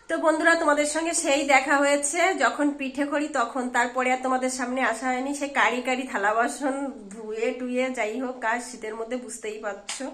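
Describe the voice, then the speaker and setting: A woman's voice, hoarse from a fever and sitting a little high, fills this casual home vlog. She chats to her viewers indoors at home and keeps checking that they are following. A faint hiss runs under the recording. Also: a bit bright. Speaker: home vlogger and mother.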